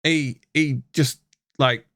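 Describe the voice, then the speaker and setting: A man running a tabletop role-playing game as game master, narrating in a halting way with many restarts. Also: mid-range voice, steady tone, a bit bright, no echo, clean studio sound. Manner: halting, full of restarts and fillers.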